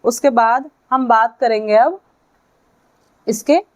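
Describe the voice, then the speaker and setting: A physiotherapy lecturer with an Indian accent teaches students, her voice on the high side. She speaks in short, halting phrases and checks in with her listeners.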